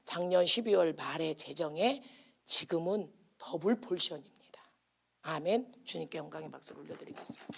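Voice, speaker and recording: A woman's voice: creaky, husky. Emphatic woman pastor preaching. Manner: emphatic, animated, swings between loud calls and low asides. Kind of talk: sermon with sung hymn lines. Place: prayer retreat chapel.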